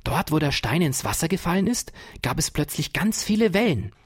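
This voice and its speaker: A man voicing a curious young boy who asks eager, sometimes hesitant questions, his voice raised high and a little husky. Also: expressive, brisk.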